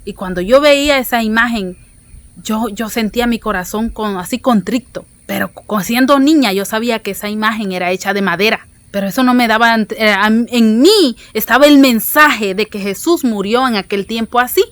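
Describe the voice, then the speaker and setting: A woman's voice: a little high, moderate pace, no echo. Earnest woman teaching the faith. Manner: earnest, repeats words and restarts often. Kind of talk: religious teaching talk.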